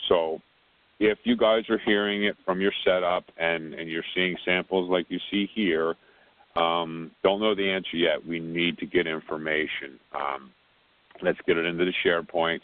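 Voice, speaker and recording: Very deep man over a phone line. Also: dry recording. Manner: rambling, repeats words. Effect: heard over the phone. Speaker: technical support lead on a conference call. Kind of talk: casual briefing.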